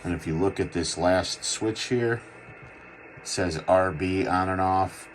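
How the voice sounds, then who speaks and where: A radio seller with a low voice gives an unhurried, plain-spoken product demo in a casual, vlog-like style. A CB radio runs in the background, and the low-quality recording carries some hiss or hum.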